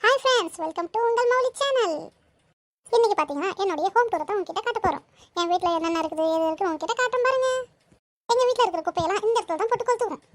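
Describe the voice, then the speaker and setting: Cheeky cartoon girl vlogger, very high, fast patter, actor-voiced. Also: fairly bright tone, no echo. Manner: chatty, boastful. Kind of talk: comic home-tour vlog narration.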